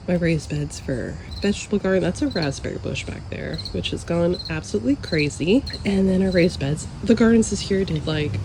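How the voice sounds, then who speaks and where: A woman's voice: on the low side, noisy background. A woman who is under the weather, chatting casually and informally to camera in a self-deprecating vlog style. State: sick with a cold. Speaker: vlogger.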